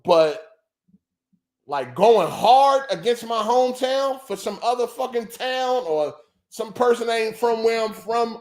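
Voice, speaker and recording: A man hosting a casual podcast livestream, talking loosely and profanely and repeating himself for effect. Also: high voice. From Philadelphia. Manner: loose, profane, repetitive banter. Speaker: podcast host.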